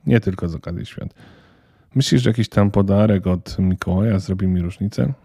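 A man's voice: sits low, brisk, mellow, husky, no room sound, studio quality. A man voicing a spoiled, defiant eight-year-old girl who talks in a cold, smug, self-assured way.

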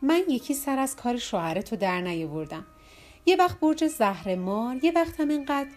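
A woman's voice: a little high, lively intonation, soft background music, pitched above the performer's own voice, close to an everyday voice. A woman voicing a chatty adult woman friend who teases and jokes. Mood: teasing. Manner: teasing, quick-witted chatter.

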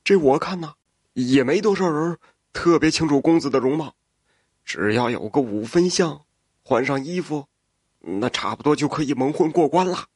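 A man voicing an old loyal butler in a folk tale, talking in a low, conspiring way. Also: animated, moderate pace, husky, no room sound, studio quality. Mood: hushed scheming. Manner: hushed, conspiring.

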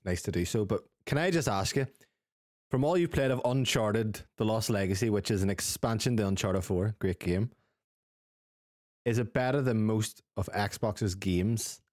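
Man as a cheeky co-host. Lowish voice, dry close sound, teasing. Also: normal speed, darkish tone, no echo. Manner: teasing, cheeky, swears freely. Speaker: podcast co-host. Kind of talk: casual banter podcast.

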